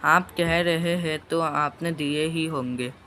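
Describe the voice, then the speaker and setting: Man doing a timid young servant woman, slow, trembling, meek, story reading. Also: a little high, slight background noise. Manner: slow, soft, trembling delivery.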